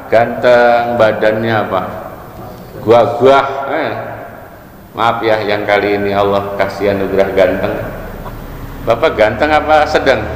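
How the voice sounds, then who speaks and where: A man's voice: lowish voice, slight background noise. Joking man teaching in an echoey hall. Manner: joking, asks the audience questions. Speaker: religious teacher. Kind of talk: casual Islamic study lecture. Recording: echoey hall with faint ambience.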